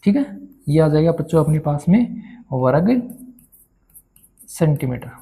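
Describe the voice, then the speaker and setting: A man's voice: on the high side, big pitch swings, unhurried, dark tone. A man teaching a maths lesson, who keeps asking his students questions and then answers them himself. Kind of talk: classroom-style maths lesson.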